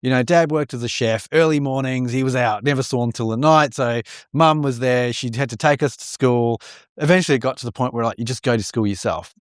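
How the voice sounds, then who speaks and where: A man's voice: mid-range voice, a little fast, dry recording. Candid rambling man, dry close sound. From born in India, raised in New Zealand. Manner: candid, rambling, restarts often with frequent "right?". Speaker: podcast guest, mortgage broker. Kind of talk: casual chat.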